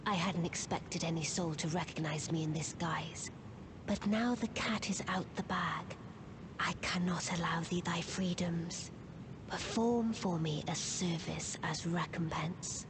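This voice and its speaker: A woman as a hushed, slow, haughty witch. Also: fairly low pitch, noisy background, natural voice. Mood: imperious. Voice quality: breathy, whispery. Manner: hushed, stately, formal archaic speech. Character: haughty, enigmatic young witch inhabiting a small doll. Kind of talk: archaic, theatrical video game dialogue.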